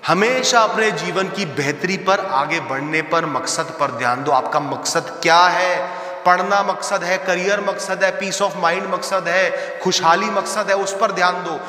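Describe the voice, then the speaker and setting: A man giving an emphatic motivational talk, speaking straight to the listener with a high, bright voice. The sound carries the long reverb of a large, echoey hall.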